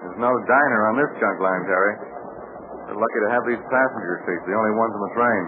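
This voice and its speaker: An actor with an American accent playing a cocky, tough, good-humored adventurer in an old-time radio drama. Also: male voice, on the low side, fast, close to an everyday voice. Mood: wry, friendly. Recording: scratchy, narrow-band old radio recording.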